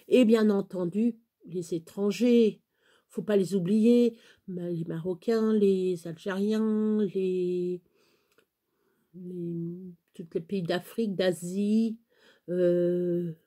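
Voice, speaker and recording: A woman's voice: medium pitch, mellow. A woman from Touraine with a Touraine accent, chatting to camera on her own channel in a rambling way, with many fillers and restarts. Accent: Touraine French. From Touraine, France. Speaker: YouTuber. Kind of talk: casual chat to camera.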